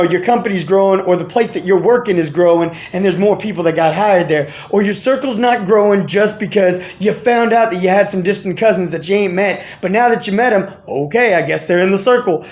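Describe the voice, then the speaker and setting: A man talking casually and earnestly to his viewers, giving motivational advice in slangy, repetitive speech with frequent restarts. He swings between animated bursts and low, quiet asides. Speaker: vlogger giving life and business advice. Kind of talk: casual motivational monologue to camera.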